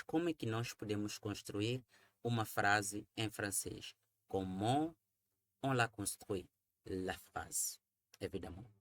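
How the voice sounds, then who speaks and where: A man teaches a French lesson, setting out grammar point by point. He talks unhurriedly in a lowish voice. He repeats key terms, switching between two languages as he goes. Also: a bit bright, no room sound.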